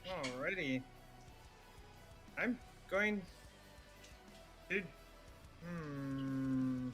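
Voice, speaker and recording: A man's voice: medium pitch, lively intonation, extremely slow, a bit bright, faint music behind. A man chatting casually as a player in a tabletop game, hesitant and thinking aloud.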